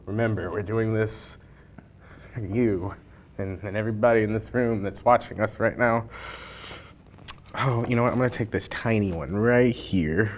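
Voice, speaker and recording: Against a noisy background, a man with a lowish voice hosts a relaxed, jokey hot sauce challenge interview, speaking at a moderate pace and pausing often. His wording is colloquial, and his day job is at a library information desk.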